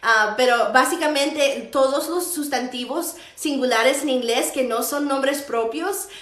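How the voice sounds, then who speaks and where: A woman with a fairly high voice teaches a grammar lesson in a roomy, echoing space. She drags out each English example slowly for learners to repeat. Her explanations in between come quicker and are broken by light laughs. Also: fairly bright tone. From United States. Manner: slow, drawn-out English examples repeated for practice.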